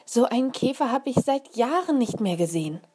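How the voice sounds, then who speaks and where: A woman voicing a gentle mother who explains things to her small daughter in a lively, patient way. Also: medium pitch, moderate pace, background noise, pitched above the performer's own voice, natural voice. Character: warm, careful mother of a small girl.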